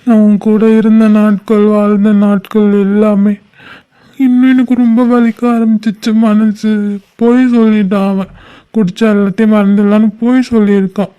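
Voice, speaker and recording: A woman's voice: medium pitch, normal speed, clear, resonant tone, highs cut off, natural voice. Woman playing a heartbroken drunk young man. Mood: brooding sad. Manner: brooding, flat, reproachful. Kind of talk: homemade cartoon voice acting.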